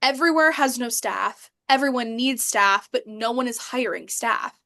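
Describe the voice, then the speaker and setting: A young woman co-hosts a podcast in casual chat, her voice sitting a little high. She rants with open indignation and laughs between her points. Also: moderate pace, sharp tone. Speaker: podcast co-host.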